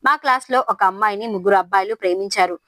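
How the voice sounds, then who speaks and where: Woman reading a calm, inquisitive teenage girl, dry sound. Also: medium pitch, very fast, no echo, lightly acted. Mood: curious. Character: curious teenage girl, younger sister.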